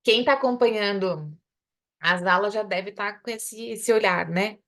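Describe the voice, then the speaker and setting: Brazilian woman, young adult, English teacher on a live class, medium pitch, slows down to drill example phrases. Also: a bit bright. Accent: Brazilian Portuguese. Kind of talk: live online English lesson.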